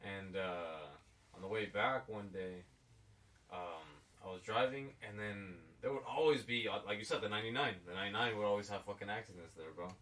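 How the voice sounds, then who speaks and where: A man with a fairly low voice talks casually, a little distant from the microphone. His manner is pure frat bro, with slangy swearing and plenty of "bro" and "dude" as he co-hosts a podcast chat. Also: a little fast, fairly bright tone. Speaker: podcast co-host.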